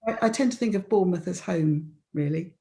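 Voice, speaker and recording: A woman in her seventies, a retired minister, chats easily on a podcast. Her voice is gravelly and mellow, dark in tone, and she slips in jokes in a dry, understated way. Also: on the low side, brisk. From Hove, southern England. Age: 70s. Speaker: retired Methodist minister, guest. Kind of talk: casual interview chat.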